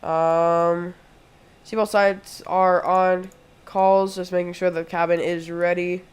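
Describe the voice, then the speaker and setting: Congested from a throat infection, a young man at home talks into his desk mic as he streams a flight simulator session, giving casual live play-by-play of each step. His high voice stays level and slow, with a clean tone.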